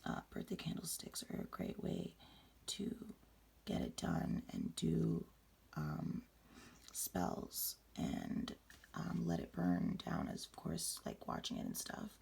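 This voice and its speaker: Young woman with a low, raspy, gravelly voice. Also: wildly swooping pitch, takes it slowly. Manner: talking low and quiet late at night; rambling, many fillers. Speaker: vlogger. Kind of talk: casual spiritual how-to vlog.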